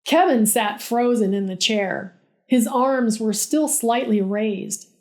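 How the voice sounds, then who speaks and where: Woman storyteller, higher voice, sarcastic deadpan comic read. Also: takes it slowly. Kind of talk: scripted story narration.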